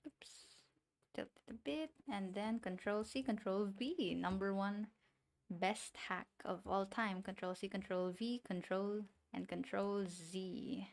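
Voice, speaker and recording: Gravelly-voiced woman chatting while she draws. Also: mid-range voice, steady tone, slow. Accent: non-native English accent. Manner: rambling and giggly, talking to herself as she works. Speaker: streamer. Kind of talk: casual chat while drawing on a livestream.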